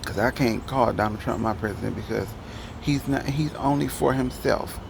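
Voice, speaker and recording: A male vlogger from Detroit, Michigan delivers a heated, rambling opinion rant to the camera in a Detroit accent. He talks at a normal speed in a creaky, medium-pitched voice, with a noisy background.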